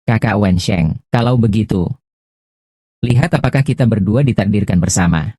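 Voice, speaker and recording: A man reading all the dialogue of a dubbed drama, voicing every character in one steady, quick delivery. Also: on the low side, slightly rough, dry recording, studio quality. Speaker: voice-over reader of a dubbed drama. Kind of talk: fast scripted dialogue dub read in one voice.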